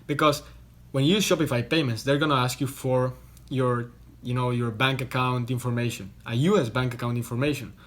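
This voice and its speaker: A young man from Costa Rica, talking to camera from a hotel room. His explaining is loose and chatty, full of restarts and repeated words, with a voice sitting at an ordinary middle pitch. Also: steady tone, a little fast. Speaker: online business vlogger.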